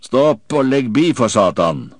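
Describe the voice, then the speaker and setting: A man's voice: mid-range voice, sing-song, no echo, studio quality, voice pushed up. A man reading an audiobook and voicing a fierce one-legged pirate who barks orders. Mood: roaring. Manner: barking orders.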